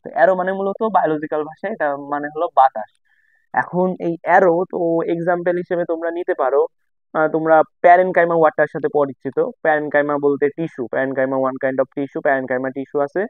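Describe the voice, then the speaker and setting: A young tutor from Bangladesh, his voice on the high side, moves fast through a laid-back lesson and restates every point in different ways for his students. His intonation stays fairly even. The audio is dry and has a tinny, phone-like character.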